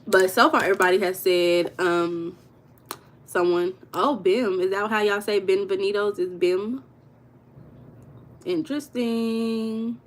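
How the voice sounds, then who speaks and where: A woman's voice: medium pitch, a little slow, pauses often, slight background noise. An American woman hosting a casual livestream, chatting with her viewers and reading their comments aloud. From United States. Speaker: livestream host.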